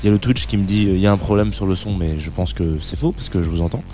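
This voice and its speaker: A man's voice: low-pitched, rapid-fire. A man hosting a casual morning radio show, rambling and correcting himself with a joking, offhand manner. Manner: rambling, self-correcting, jokey. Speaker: radio host.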